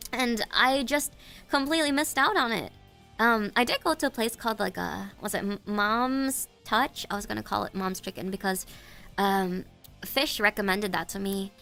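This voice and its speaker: Faint music sits under this live-stream chat from a woman in the United States, whose congested, stuffy voice keeps breaking into giggles and stumbles. She talks at a normal speed in a mid-range voice with lively intonation and a sharp tone.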